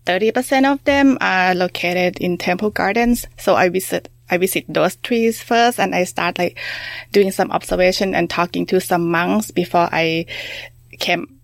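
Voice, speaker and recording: Guest researcher: woman with a Thai accent, slightly low and creaky, hesitant delivery. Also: no room sound. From Thailand. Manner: halting, many fillers and restarts, soft-spoken. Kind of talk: interview answers.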